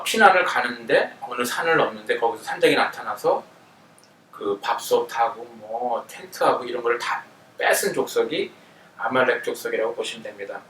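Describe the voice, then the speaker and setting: A man teaching a Bible study lesson in an explanatory way, often pausing with fillers as he explains. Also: mid-range voice, a bit bright, a little hiss or hum. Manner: explanatory, with frequent fillers and hesitations. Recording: roomy, distant mic.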